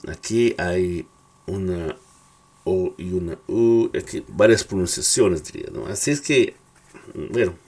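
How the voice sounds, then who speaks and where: A man teaching English pronunciation in a casual lesson, speaking slowly and patiently repeating words aloud, a native Spanish speaker. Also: low voice, darkish tone.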